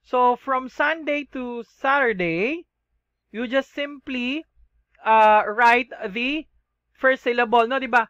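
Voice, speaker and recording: Here a man with a Filipino accent takes a class through shorthand at a slow pace, spelling letter by letter and checking in with "okay?". His pitch is extremely high and his tone fairly bright. It's a muffled recording without any room sound.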